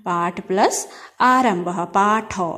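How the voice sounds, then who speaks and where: A woman teacher giving a grammar lesson, asking questions and answering them herself, slowly stretching out sounds as she spells them. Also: mid-range voice, a bit bright. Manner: asks questions and answers them herself, repeating key terms; drawn-out syllables when spelling out sounds.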